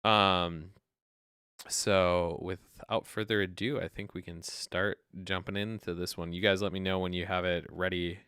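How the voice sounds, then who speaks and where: A man hosting a casual photo editing livestream, talking in a relaxed way with lots of fillers and encouraging his co-editors. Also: sits low, unhurried, smooth, no room sound, studio quality. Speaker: host of a photo editing stream.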